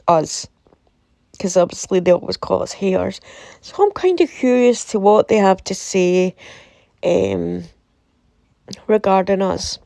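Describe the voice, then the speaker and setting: Woman from the UK, sore throat, creaky voice in a dry recording; opinionated, emphatic casual commentary. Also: medium pitch, warm tone, no echo. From United Kingdom. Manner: deliberate, emphatic, repeating phrases for effect. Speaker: commentator reading and reacting to a website.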